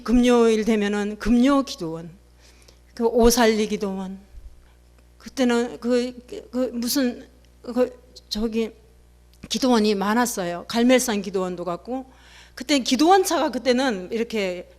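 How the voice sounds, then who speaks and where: A middle-aged woman giving an emotional testimony in a sermon, telling her story with animated, acted-out quotes. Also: fairly high pitch.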